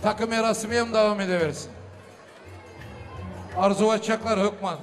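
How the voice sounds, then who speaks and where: A man working as a booming wedding announcer, hosting live and ceremoniously calling out blessings and requests for applause. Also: fairly even intonation, normal speed, soft background music. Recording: live hall with crowd noise. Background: crowd and ambient noise.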